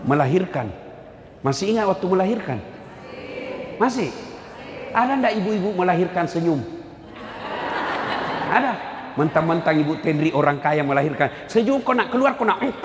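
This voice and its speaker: Animated high-pitched preacher in an echoing hall. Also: male voice. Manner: animated, teasing the audience, swings between shouting punchlines and low earnest asides. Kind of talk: humorous sermon. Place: large hall with audience. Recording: echoey hall with ambient noise.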